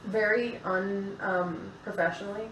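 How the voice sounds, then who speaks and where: A woman's voice: medium pitch, fairly even intonation, measured pace, fairly bright tone. A chatty, giggly woman playing in a tabletop game. She sits away from the microphone, so she sounds distant, and the room echoes around her over faint ambient noise. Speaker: player.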